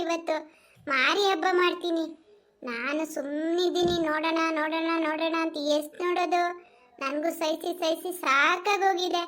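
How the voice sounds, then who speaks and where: Brief: nagging, fed-up village wife, very high piercing voice, skit comedy. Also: female voice, fairly bright tone. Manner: scolding, grumbling lament.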